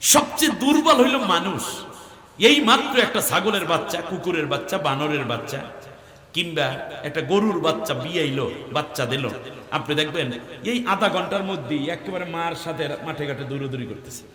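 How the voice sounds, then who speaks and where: A man's voice: on the high side, expressive, moderate pace, pushed and bright. A man from Bangladesh, preaching a waz sermon, chanting verses in a sung style and firing rhetorical questions at the crowd. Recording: echoey hall with long reverb.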